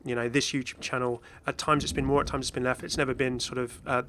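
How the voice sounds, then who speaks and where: A gaming YouTuber chats and rambles in an unscripted video commentary and channel update. His mid-range voice is flat and quick, with a noisy background behind him.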